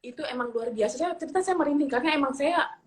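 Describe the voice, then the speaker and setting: A young woman from Papua in eastern Indonesia tells personal stories as a guest in a casual interview, earnest and repeating her phrases as she goes. Her voice is high-pitched and fast, with heavy background noise.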